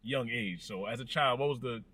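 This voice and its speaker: A man's voice: medium pitch, moderate pace, pushed and bright. A man co-hosting a podcast, interviewing in casual talk from a car, asking probing questions and often repeating words. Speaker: podcast co-host.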